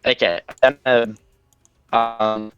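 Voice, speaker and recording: A man player talking haltingly over an online voice call, his audio lagging, cutting out and stretching. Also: medium pitch, level tone, a bit bright, smooth, soft background music. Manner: hesitant, halting. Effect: laggy voice chat audio, cutting out and stretched. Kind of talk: casual online game chat. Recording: dull lo-fi laggy call audio.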